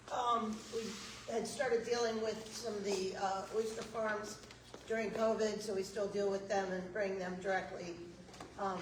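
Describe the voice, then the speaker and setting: A hoarse woman who is losing her voice, speaking haltingly at a community meeting. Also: mid-range voice. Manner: hesitant, halting. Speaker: community member. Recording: echoey room, mic far off, background noise.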